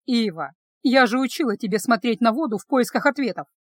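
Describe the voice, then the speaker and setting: A woman's voice: on the high side, lively intonation, fairly quick, no echo. Woman reading a stern lecturing witch aunt. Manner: lecturing, dry.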